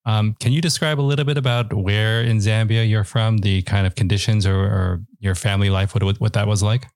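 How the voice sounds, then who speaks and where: Male podcast host, lowish voice, dry close sound, warm and encouraging, lots of restarts. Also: fairly even intonation, brisk, no echo. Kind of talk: podcast interview.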